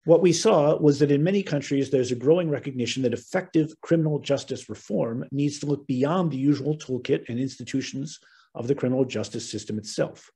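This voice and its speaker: Opening a webinar he hosts and moderates, a middle-aged American man delivers formal remarks earnestly and at a measured pace. His voice is medium in pitch, husky and mellow, carried over a video-call mic, and he occasionally says "um" or starts a sentence over.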